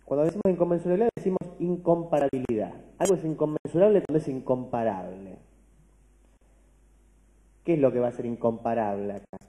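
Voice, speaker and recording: An Argentine man lectures on philosophy to a large audience, his voice very dark and mellow. He talks in a loose, conversational way, asking "¿no?" after his points and restarting words as he goes. A long reverb from a big hall trails each phrase. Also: mid-range voice, brisk. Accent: Argentine Spanish.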